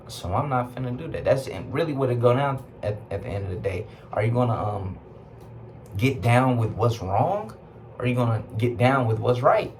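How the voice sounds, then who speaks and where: A man with a Southern US accent teaching scripture, reading verses slowly and explaining them in casual speech with rhetorical questions. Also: mid-range voice, noisy background. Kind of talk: scripture class preaching.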